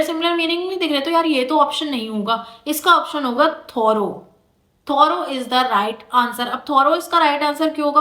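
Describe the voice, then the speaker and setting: A young woman teacher giving an exam-prep vocabulary lecture, explaining patiently and addressing students informally while reading English examples slowly. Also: high voice, fairly bright tone. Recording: echoey room.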